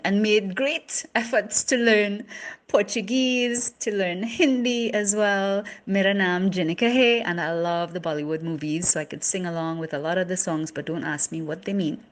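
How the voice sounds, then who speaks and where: A woman from Trinidad and Tobago with a somewhat neutralized Trinidadian accent, introducing herself in measured speech with emphasis on key words. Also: on the low side. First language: English. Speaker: interpreter and poem reader. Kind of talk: spoken self-introduction.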